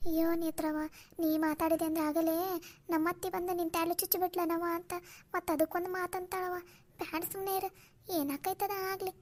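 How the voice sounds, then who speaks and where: A woman's voice: very high voice, little pitch movement, fairly quick. A woman with a North Karnataka Kannada accent voicing a worried older village mother-in-law who complains plaintively. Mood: resigned. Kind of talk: cartoon voice acting.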